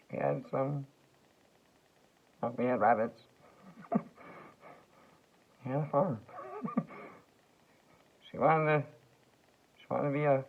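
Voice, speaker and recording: A man rambling through a slow, halting vlog monologue full of fillers and restarts. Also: medium pitch, creaky. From United States. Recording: tinny phone-like sound.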